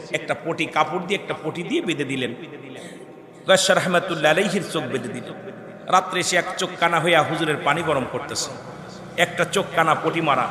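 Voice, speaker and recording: Male waz preacher, high and ringing, chanting and shouting in bursts, echoey hall with a loud crowd behind. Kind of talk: Bengali waz sermon with sung, shouted storytelling.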